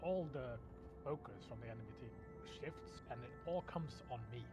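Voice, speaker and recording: A man's voice: medium pitch, normal speed. Man, gamer co-player, chatty and loose, restarts sentences, music audible under him. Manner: chatty, laughs easily, restarts often. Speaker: gaming stream co-player. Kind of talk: casual gaming chat.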